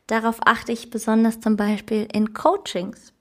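A woman speaks as a life coach in a motivational self-help monologue. Her voice sits a little high, and she talks earnestly and with emphasis. She laughs at her own slips. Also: little pitch movement, normal speed.

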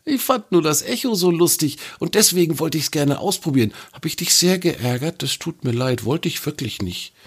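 A man's voice: a little high, animated, moderate pace, few pauses, slightly rough, voice pushed up. A man voicing a small, adventurous and polite male troll in a children's story, speaking in a raised, earnest voice. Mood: apologetic. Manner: earnest, apologetic.

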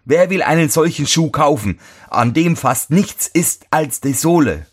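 A man's voice: mid-range voice, very animated, measured pace, slightly rough, pitched above the performer's own voice. A man reading a fairy tale and voicing a fussy, irritable old master shoemaker who scolds everyone around him. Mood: scolding, indignant. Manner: scolding, shouting complaints.

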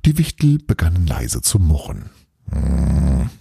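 A man reading a Christmas story aloud with a lively, expressive delivery. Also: low-pitched, unhurried, breathy edge, no echo, studio quality.

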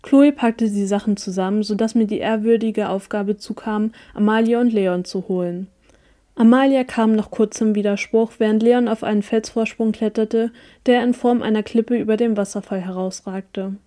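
Mellow-voiced woman reading a story. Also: medium pitch, moderate pace. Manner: even, storytelling read. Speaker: audiobook reader. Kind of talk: first-person story narration.

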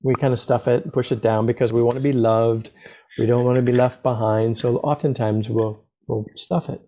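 A man who works as a sound healer, answering interview questions in a calm, earnest storytelling way and repeating words for emphasis. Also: medium pitch, normal speed, low-quality recording.

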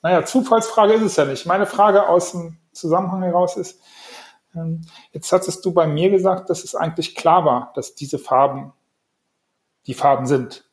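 A man's voice: on the high side, normal speed. A man hosting a podcast, asking thoughtful, searching questions and addressing the listeners directly. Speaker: podcast host. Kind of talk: podcast interview.

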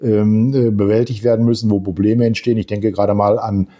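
A man talking thoughtfully in a discussion, pausing often with fillers and building long winding sentences. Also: lowish voice, level tone, warm tone. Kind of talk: casual discussion.

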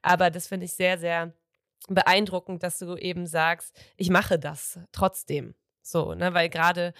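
Lower-voiced woman interviewer, dry sound. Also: flat delivery, a little slow, a bit bright, no room sound. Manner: appreciative, searching for words. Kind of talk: conversational interview.

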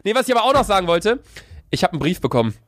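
A man's voice: high voice, sing-song, very fast, no room sound, studio quality. A young man co-hosting a podcast in casual chat, slangy, laughing often and acting out people he met. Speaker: podcast co-host.

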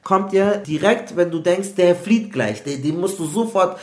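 Guy telling a story all animated, slightly high voice, roomy echo. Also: unhurried. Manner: animated, mixes in English words. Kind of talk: casual storytelling in a podcast chat.

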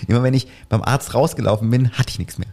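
This fast-talking man with a medium-pitched voice spins a lengthy personal tale in a casual chat. His telling is animated, with acted-out quotes from the people involved.

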